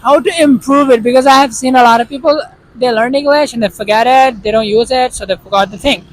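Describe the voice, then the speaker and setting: A Pakistani vlogger whose first language is Urdu offers casual, earnest advice straight to the viewer in a Pakistani accent. His voice is very high and a little fast. The audio quality is poor.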